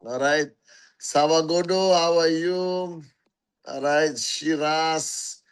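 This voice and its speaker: A man's voice: on the high side, steady tone, slow, clear, resonant tone. A man hosting a casual livestream for his network marketing followers, greeting viewers one by one as warriors and repeating phrases for emphasis, on a phone mic.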